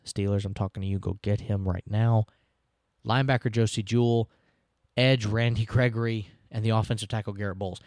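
A man's voice: on the low side, no echo, clean studio sound. A man, hosting a casual sports podcast, recapping games in a chatty, self-deprecating way and laughing now and then.

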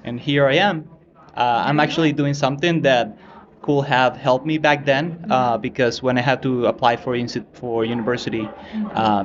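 A man from Venezuela being interviewed as a guest, talking in a relaxed way with many fillers. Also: mid-range voice, lo-fi sound. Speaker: guest, education company manager. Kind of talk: conversational interview. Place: busy conference floor. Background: crowd chatter.

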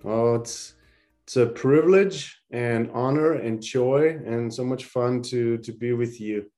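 Earnest Austrian-raised man, dark mellow voice. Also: medium pitch, faint music behind. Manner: earnest, reflective, halting restarts. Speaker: podcast guest, psychologist. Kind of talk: conversational interview.

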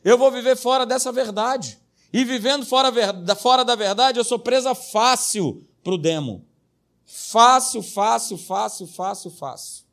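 High-voiced, emphatic pastor. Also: male voice, moderate pace. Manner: emphatic and repetitive, hammering single words, joking asides. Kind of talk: sermon.

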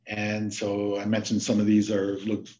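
A man with a fairly low voice talks through his research as a podcast guest. He keeps pausing with fillers and restarting phrases. The remote audio sounds a little dull and muffled. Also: monotone, warm tone. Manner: halting, many fillers and restarts. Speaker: plant disease researcher, guest. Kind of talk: podcast interview.

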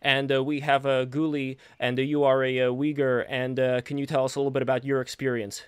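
Smooth, flat-toned male stream host. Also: medium pitch, a little fast, no room sound, clean studio sound. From Soviet Union. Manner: upbeat, filler-heavy introductions. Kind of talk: casual live stream hosting.

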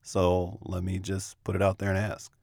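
A fifty-year-old man from the United States hosting a podcast, telling personal stories in a relaxed, self-deprecating, reflective way. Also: low-pitched, moderate pace, no echo, clean studio sound. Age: 50s. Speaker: podcast host. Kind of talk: casual personal storytelling.

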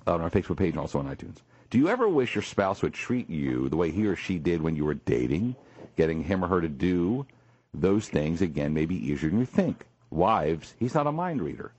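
A male radio show host in a morning talk show, animated and jokey, with a husky voice. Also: a little fast, no echo. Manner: animated, jokey, swings high for emphasis. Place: radio studio.

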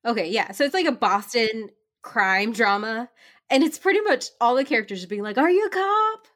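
A woman in casual chat as a podcast panelist, talking in an animated way with lots of "like" fillers. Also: fairly high pitch, moderate pace. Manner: chatty, animated, frequent "like" fillers.

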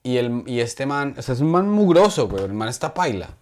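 A man's voice: mid-range voice, very animated, fairly quick. Man, podcast co-host, rambling, self-correcting, casual chat. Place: podcast studio.

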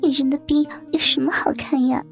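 A coy, giggling young woman in an audio story, voiced by a woman. Her voice is high and breathy, playful and whining. Quiet guitar music runs under her. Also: little pitch movement, a little fast. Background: soft guitar music.

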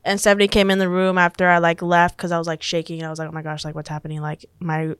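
A woman's voice: fairly low pitch, flat delivery, quick pace, a bit bright, clean tone, no room sound, studio quality. A young woman, a podcast guest telling a personal story in a chatty way, full of "like" and quoted dialogue. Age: young adult. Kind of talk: casual storytelling.

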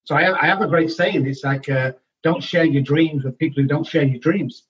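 A middle-aged Englishman with a Manchester accent tells candid personal stories as an interview guest, speaking frankly and matter-of-factly with some restarts. His voice is on the high side at a normal speed. The remote recording sounds distant and dull.

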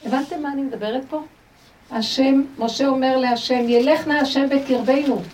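A woman gives an animated religious lecture in a high voice, often turning to her listeners with rhetorical questions. She is caught from some distance off the mic. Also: a little hiss or hum. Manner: expressive, rhetorical questions to the audience. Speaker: Torah teacher.

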